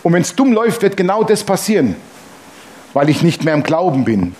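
A man's voice: sits high, big pitch swings, normal speed, a little mellow. A man preaching a sermon in standard German, emphatic, asking the congregation questions and dropping joking asides between scripture readings. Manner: jokes and asides while reading scripture aloud. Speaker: pastor.

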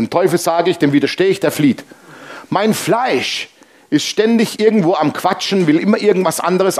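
A man preaching a sermon in a lively storytelling manner, acting out bits of dialogue. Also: on the high side. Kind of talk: sermon with anecdote.

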